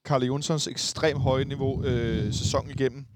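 A man's voice: mid-range voice, steady tone, background noise. A Danish man hosting a podcast, hesitant with many fillers, reading out listener messages. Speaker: podcast host.

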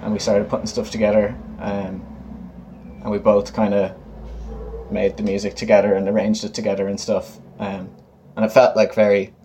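A man's voice: fairly low pitch, flat delivery, normal speed, warm tone, slight background noise, rough recording. A man in his late twenties with a west of Ireland accent, chatting casually and informally as an interview guest. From Galway, west of Ireland. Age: late 20s. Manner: informal, often laughing. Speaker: guest, musician and DJ.

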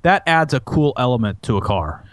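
A man's voice: mid-range voice, sing-song, normal speed, dry recording. A young man co-hosting a casual podcast, teasing his co-host with mock-dramatic complaints.

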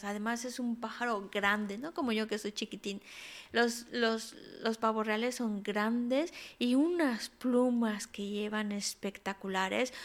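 A woman voicing a small parrot in a fable who envies the peacocks. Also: fairly high pitch.

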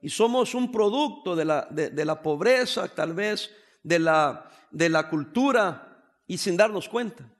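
An El Salvadoran pastor delivers a sermon, chatting with the congregation and adding humorous asides. His voice sits high and is animated, and he speaks unhurriedly.

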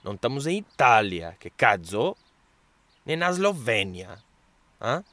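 A young man with a European Portuguese accent hosting a podcast, telling stories in a casual, slangy, animated way and acting out what others said. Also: medium pitch, unhurried, no room sound. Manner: slangy and animated, acts out quoted dialogue with exaggerated voices. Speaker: podcast host answering listener questions. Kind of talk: casual storytelling chat.

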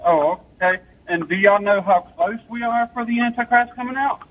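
A man's voice: sits high, normal speed, distant mic. A man with a Southern US accent calling in on his car speakerphone while driving. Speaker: caller. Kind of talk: call-in question. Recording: tinny phone line from a car.

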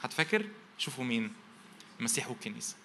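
A man's voice: medium pitch, sing-song, racing, pushed and bright, slight background noise. A man preaching a sermon as pastor, with an Egyptian accent. He stacks phrases in repeated lists and prompts his congregation with rhetorical questions to finish each verse. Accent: Egyptian Arabic.

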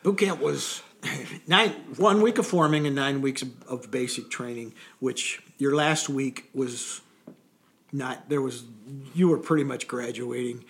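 A man with a gravelly, creaky voice spins loose service anecdotes in an easy conversational way. He restarts his sentences, chuckles through the memories and keeps the tone relaxed, as a guest being interviewed. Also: mid-range voice, measured pace. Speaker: interview guest, former Coast Guard sailor. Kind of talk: casual storytelling.

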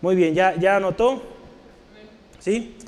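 Slow and high-pitched with a slightly mellow tone, a preacher leads a Bible class in sermon form. He writes terms on a board, speaks to his listeners formally and politely, and frequently asks questions to make sure they keep up.

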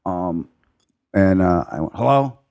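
A man's voice: fairly low pitch, a little fast. A male comedian telling casual anecdotes, acting out quoted lines and swearing freely. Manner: animated, profane, acts out quoted lines. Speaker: stand-up comedian guest.

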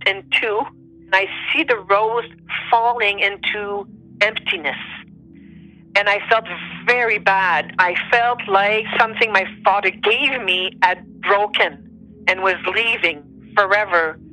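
A woman's voice: mid-range voice, bright, forceful tone, low-quality recording. A woman who is not a native English speaker tells personal stories conversationally, searching for English words as if translating in her head. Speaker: interview guest telling personal stories.

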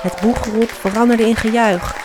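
A woman hosting a children's book podcast, chatting with a child and reading aloud with lively expression. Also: on the high side, moderate pace, a crowd in the background, background noise.

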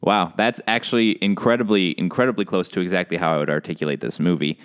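A man's voice: low-pitched, quick pace, smooth. A man co-hosting a casual movie-review podcast, laid-back and blunt with his opinions. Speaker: podcast co-host. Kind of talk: casual chat.

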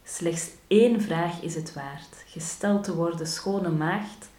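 A woman voicing a trapped male wolf from a storybook, wailing for help and then speaking with slow solemnity. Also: fairly low pitch, mellow. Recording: roomy echo.

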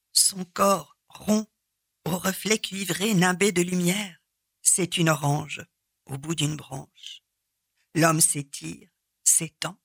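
A woman storyteller telling a folk tale expressively, with dramatic pauses and repeated refrains. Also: medium pitch, a bit bright, husky, no echo, studio quality.

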